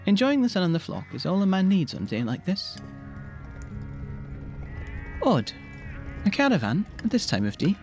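A woman's voice: fairly low pitch, huge pitch swings, a little fast, a little mellow, soft background music. A woman voicing a stubborn, grumbling young shepherd prophet with a Scottish accent in an audio drama. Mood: grumbling, easygoing. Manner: grumbling, defiant, plain-spoken.

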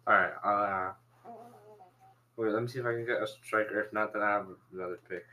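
A man's voice: on the low side, steady tone, brisk, pushed and bright, slight background noise. A young man chatting casually with friends as a podcast co-host, informal and slangy. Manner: slangy, informal, says "bro". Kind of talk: casual banter, football player draft.

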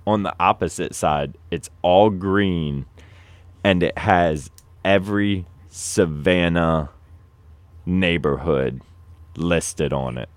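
A man with a very low, unhurried voice hosts a casual sports chat. His delivery is relaxed and rambling, and his sound is clean and resonant in a dry, close space. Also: clean tone, no room sound. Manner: relaxed, rambling, trails off and restarts. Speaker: show host.

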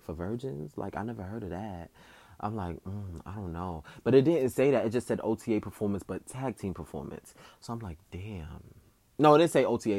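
A young man casually telling a personal story, animated and slangy, full of fillers and acted self-talk. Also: on the low side, no room sound.

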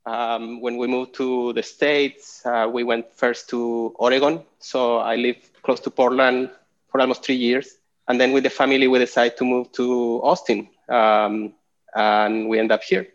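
A Chilean man in his forties, appearing as a guest artist, chats casually during a video-call interview, halting often with fillers and restarts. His voice sits at a medium pitch with little movement, and the call audio is dull and lo-fi.

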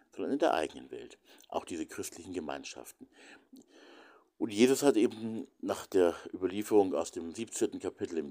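A man giving a reflective spiritual talk, halting and thoughtful with many fillers, sometimes dropping to a whisper. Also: low-pitched, dark tone.

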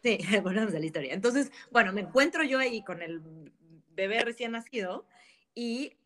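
A woman, a guest telling stories in a casual interview in a candid, animated way, laughing often. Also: fairly high pitch, moderate pace.

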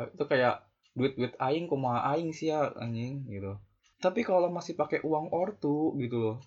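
Young guy w lecturing, swears a lot, kinda muffled lo-fi audio. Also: medium pitch. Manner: preachy, scolding, heavy slang and swearing. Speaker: vlogger. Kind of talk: ranting monologue.

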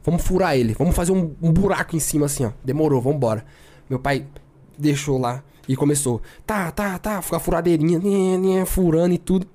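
A man's voice: on the high side, fairly quick, dark tone. A young man co-hosting a podcast and telling a story in a casual, slangy way, full of repeated filler words. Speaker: podcast co-host.

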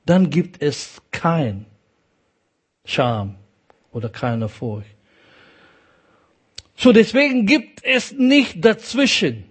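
Slow, emphatic preacher, fairly high voice. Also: male voice, sing-song, husky. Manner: emphatic, repeats key phrases, asks the congregation "ja?". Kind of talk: sermon.

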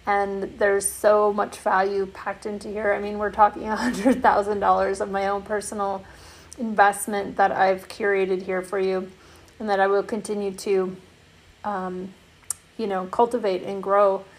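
Woman, gravelly, mid pitch, relaxed rambling promo talk, founder of a community. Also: a little slow. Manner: soft, meandering, many fillers and restarts. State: has the hiccups. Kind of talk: casual spoken promo talk.

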